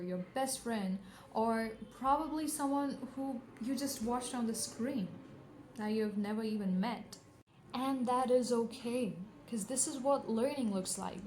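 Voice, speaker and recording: Earnest lady vlogging, kinda high voice, roomy echo, a little background hiss. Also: a little mellow. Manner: earnest, conversational, encouraging. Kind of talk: reflective monologue to camera. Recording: echoey room with faint background noise.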